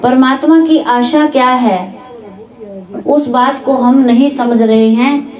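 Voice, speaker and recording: Slow-spoken woman giving a spiritual talk. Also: sits high, a little mellow. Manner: slow, explaining with spoken examples. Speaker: spiritual speaker. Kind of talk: spiritual discourse. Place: village gathering hall. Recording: echoey room.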